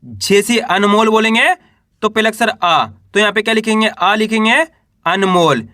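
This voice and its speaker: Male tutor with a high voice, sounds out Hindi letters slowly and patiently, recorded dry and close. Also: expressive, pushed and bright, no echo. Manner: asks a question, then answers it himself; drawls syllables slowly when sounding out letters. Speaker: Hindi reading teacher. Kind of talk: patient step-by-step spelling lesson.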